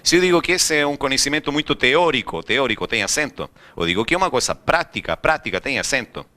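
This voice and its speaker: Speaking fast in a mid-range voice, this man leads a Spanish class, peppering the students with lively, rhetorical questions. It's a recording of a classroom lecture.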